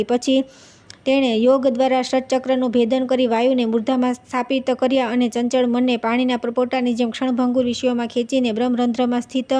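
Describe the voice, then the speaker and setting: Woman, devotional scripture reader; steady, level recitation, mellow tone, occasional slips. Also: on the high side.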